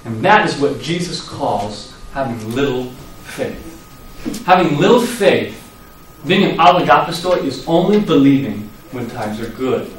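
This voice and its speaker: A man preaching a sermon, telling the story vividly and acting out the quoted lines with sudden loud rises. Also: mid-range voice, expressive, measured pace. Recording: echoey hall, voice from far off.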